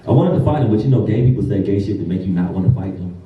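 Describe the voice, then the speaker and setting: Low-voiced man doing profane stand-up. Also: steady tone, very fast, phone-quality sound, slight background noise. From Ohio. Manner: profane, loose storytelling with squeaky put-on quote voices. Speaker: stand-up comedian. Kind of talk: stand-up comedy with crowd work. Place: comedy club stage. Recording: roomy club sound from a distant mic. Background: audience laughter.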